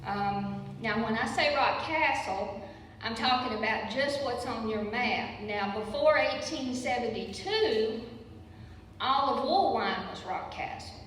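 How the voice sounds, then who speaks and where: A woman's voice: fairly high pitch, expressive, takes it slowly, a bit bright. An older woman with a Southern US accent giving an informal, folksy public lecture in a conversational way. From Patrick County, Virginia, United States. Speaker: guest lecturer and local history teacher. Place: large echoey room at a public lecture. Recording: very echoey hall, distant mic, faint noise.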